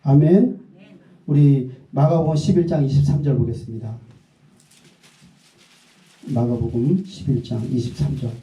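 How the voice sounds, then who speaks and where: A man's voice: mid-range voice, fairly even intonation, moderate pace, pauses often, mellow. A man pastor preaching a sermon. He reads scripture aloud, then retells it with dramatic quoted lines and rising proclamations. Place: church sanctuary. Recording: echoey church hall, distant mic, dull sound.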